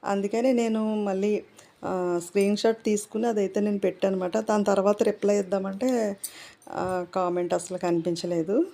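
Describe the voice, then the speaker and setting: Middle-aged woman, casual home vlogger, rambling chat, mellow voice. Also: medium pitch, steady tone, moderate pace, vocal fry. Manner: talkative, rambling, many fillers.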